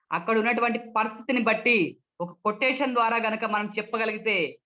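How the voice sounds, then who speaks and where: ఒక పురుషుడు ఉపన్యాస నైపుణ్యాల పాఠం చెబుతూ, ప్రతి భావాన్ని స్వరం, వేగం మార్చి చూపిస్తున్నాడు. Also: male voice, high voice, bright, forceful tone. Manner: shifts tone and pace to demonstrate each emotion. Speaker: public speaking trainer. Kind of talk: demonstration lecture with acted examples. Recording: dull lo-fi recording.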